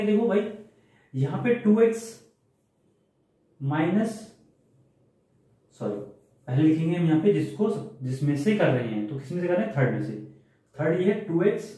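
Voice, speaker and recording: A man teaching a maths lecture, explaining step by step and often pausing to ask if students follow. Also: fairly high pitch, dark tone. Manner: explains step by step, asks rhetorical check questions. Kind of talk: classroom lecture. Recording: very echoey room.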